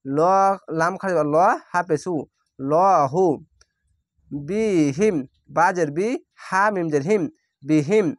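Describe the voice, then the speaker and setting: Man spelling out Quran syllables slowly. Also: fairly high pitch, no room sound, clean studio sound. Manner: spells out each syllable, then blends it into the word; draws out recited words very slowly. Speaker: Quran reading teacher. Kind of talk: slow letter-by-letter recitation lesson.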